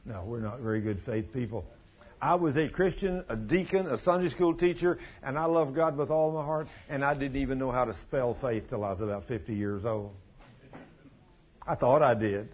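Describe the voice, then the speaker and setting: An older man preaching a sermon in a church, telling folksy stories and surging loud for emphasis, in a husky voice. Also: mid-range voice, moderate pace. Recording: dull lo-fi recording.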